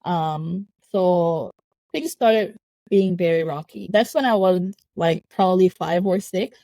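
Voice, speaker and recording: A woman's voice: on the low side, takes it slowly, dark tone, dry recording. A young woman from Lebanon, a podcast guest sharing her childhood in reflective casual talk, laughing often between phrases. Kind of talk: casual interview chat. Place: home.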